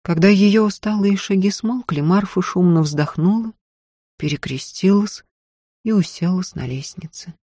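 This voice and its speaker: A woman reading a novel aloud as narrator, in a quiet, subdued manner. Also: on the low side, a little slow, breathy edge, no room sound, clean studio sound. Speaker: audiobook reader. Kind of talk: literary narration.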